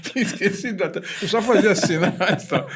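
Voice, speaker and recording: A man with a slightly raised pitch co-hosts a podcast in a casual, chatty register. He tells anecdotes with relish and asks the guest questions in an easy, conversational way. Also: normal speed. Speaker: podcast co-host.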